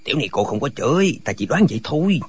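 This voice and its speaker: A man's voice: medium pitch, sing-song, quick pace, husky. A man doing squabbling, foolish hermit brothers. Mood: bickering. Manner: bickering, argumentative back-and-forth. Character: six squabbling, foolish male martial hermits. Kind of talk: radio drama reading.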